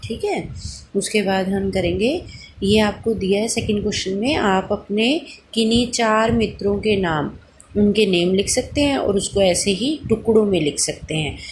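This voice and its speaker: A woman's voice: mid-range voice, normal speed, a little hiss or hum. A woman teaching a primary-school Hindi class, patiently sounding out letters and answering her own questions. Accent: Indian Hindi. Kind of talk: online class lesson.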